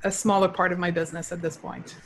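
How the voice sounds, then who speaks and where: A woman's voice: lowish voice, flat delivery, fast talker, slight background noise, low-quality recording. A woman from Quebec with a Quebec French accent, a native French speaker, talking as a nutritionist guest in an earnest, explaining way. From Quebec, Canada. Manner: earnest, explaining, frequent restarts. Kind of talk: casual interview talk.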